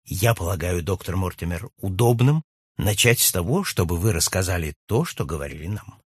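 A man reading aloud and voicing a keen male detective who speaks in a precise, deliberate way with a husky voice. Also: low voice, expressive, no echo, clean studio sound, pitched below the performer's own voice. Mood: measured. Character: keen, reasoning male detective, measured and exact.

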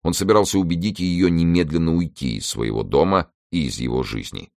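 A man narrating an audiobook in a measured, expressive reading. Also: deep voice, no echo, studio quality. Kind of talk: scripted narration.

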